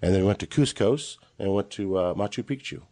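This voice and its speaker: A Los Angeles man in his late forties, American-accented, tells casual, rambling, joking stories as a guest on a podcast. His voice is lowish and dark in tone, he talks briskly, and there's no room sound.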